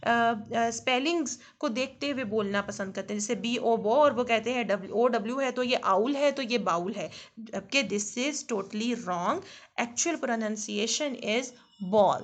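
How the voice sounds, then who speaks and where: A woman teaching English pronunciation in a tutorial, patiently explaining words and repeating each one slowly and deliberately. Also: fairly high pitch. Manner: patient, plain explaining with frequent fillers.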